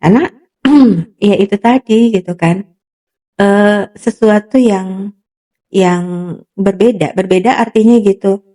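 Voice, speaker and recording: A woman's voice: medium pitch, slow pace, pauses often, warm tone. A woman psychologist, a podcast guest, explaining things conversationally and acting out the remarks people make. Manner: explanatory, voices imagined remarks, frequent fillers.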